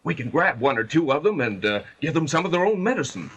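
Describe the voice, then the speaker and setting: An assured Western hero, a frontier doctor of action. His American voice is fairly high and bright, delivered in old film style over faint noise. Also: very animated, quick pace. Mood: resolute, scheming. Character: confident heroic frontier doctor, level-headed man of action. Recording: dull, noisy old film soundtrack.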